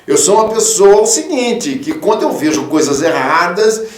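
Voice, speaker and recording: A man, a pastor, preaching a radio sermon, fatherly and emphatic, swinging from loud peaks to soft low tones. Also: lively intonation, moderate pace, roomy sound, recorded from a distance. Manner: fatherly, calls listeners 'filho'. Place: radio studio.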